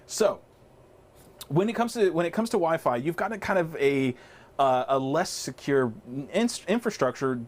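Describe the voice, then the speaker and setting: A man's voice: on the high side, lively intonation, normal speed. A man co-hosting a tech webinar, casually explaining Wi-Fi step by step with frequent restarts. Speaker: webinar co-host.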